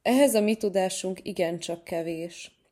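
A woman voicing a clever, playful young male cat, a big brother in a children's storybook, talking in a lively, teasing way. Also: fairly low pitch, close to an everyday voice. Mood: friendly.

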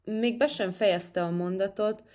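A woman reading a children's story aloud in a calm, gentle way. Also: medium pitch.

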